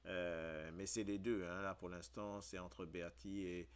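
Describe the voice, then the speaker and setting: A man with a Mauritian Creole accent hosting a casual radio lesson, spelling words out letter by letter and pausing often on fillers. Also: deep voice, little pitch movement, slight background noise.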